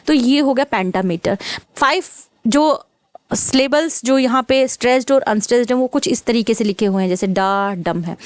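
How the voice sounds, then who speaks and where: A woman explaining a literature exam lesson, reading out English questions slowly and explaining them in Hindi mixed with English. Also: fairly high pitch, no echo. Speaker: literature teacher.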